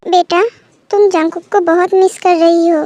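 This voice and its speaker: A woman voicing a caring mother who gently coaxes her daughter-in-law in a fan-made audio story. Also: very high-pitched, steady tone, moderate pace, no echo. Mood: gentle, caring. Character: caring middle-aged mother.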